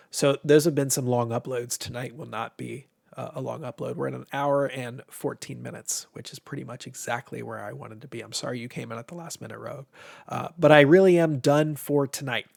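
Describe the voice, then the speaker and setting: With a medium-pitched, creaky voice, a Midwestern American man from Ohio runs a casual livestream for a game publisher. He's congested from allergies, his voice is wearing out, and his talk is rambling, informal, and mildly profane.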